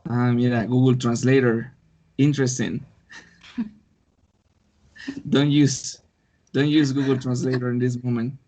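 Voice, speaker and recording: A man's voice: mid-range voice, little pitch movement, takes it slowly, long pauses, warm tone, lo-fi sound. A man teaching an online English class, giving pronunciation feedback and switching between Spanish and English. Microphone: video call.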